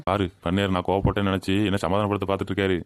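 A man with a low, monotone yet clear and resonant voice lightly acts a scheming village farmhand for a comedy skit. The character is crafty and cheeky, arguing fast and feigning anger, and the recording is dry with clean studio sound.

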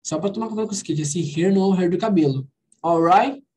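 A woman's voice: on the low side, fast, mellow. A Brazilian woman teaching an online English class, switching between Portuguese and English and checking understanding with frequent "alright?" and "ok?".

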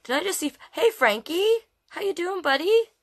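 Very high-pitched and creaky, a woman's voice reads a children's book at a moderate pace during storytime. She delivers it expressively, adding affectionate side comments and repeating phrases.

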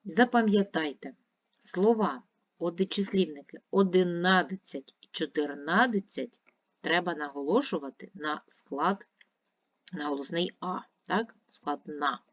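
A woman teacher giving a recorded lesson to young pupils, speaking slowly and repeating words carefully. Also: fairly low pitch, highs cut off. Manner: slow, careful, repeats words clearly for children. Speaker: primary school teacher.

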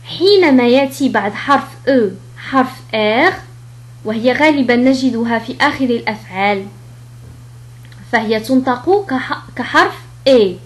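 A woman teaching French pronunciation in a lesson, explaining letter rules and repeating each example word slowly. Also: fairly high pitch.

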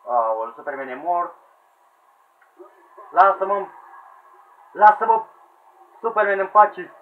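A man commentates his own game in a high, jumpy voice that leaps all over the place as he shouts, begs and yells at the fighters. The recording is thin and phone-like, with a faint hiss behind him. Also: expressive. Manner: frantic, yelling at characters, pleading and laughing. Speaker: gamer commentating own play. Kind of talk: excited gameplay commentary. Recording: tinny lo-fi sound with faint hiss.

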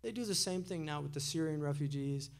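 A man's voice: a little high, brisk. A man giving a casual, digressive public lecture, talking conversationally and chuckling now and then. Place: lecture hall.

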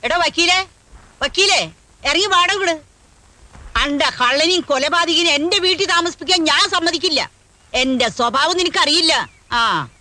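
An actress playing a feisty, hot-tempered old grandmother who scolds sharply and dotes softly, in film dialogue. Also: very high voice, animated, unhurried, long pauses, full character voice. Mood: angry scolding. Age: older. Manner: sharp scolding outbursts, then soft and doting. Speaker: grandmother who owns the house.

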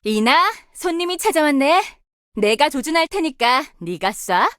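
A woman's voice: high-pitched, sing-song, measured pace, fairly bright tone, dry recording, studio quality, heavily acted. A woman voicing a confident young female star guardian warrior who leads her team, delivering game voice lines with bold, commanding quips. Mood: determined. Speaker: voice actress. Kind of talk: video game character voice lines.

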